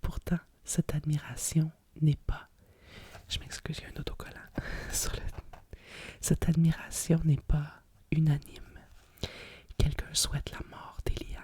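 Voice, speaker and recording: Quebec french lady doing asmr, soft breathy library whisper, mellow, kinda rambly and nostalgic. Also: low voice. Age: middle-aged. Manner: hushed, nostalgic rambling with frequent conversational tags. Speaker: ASMR host. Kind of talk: whispered ASMR chat about vintage books.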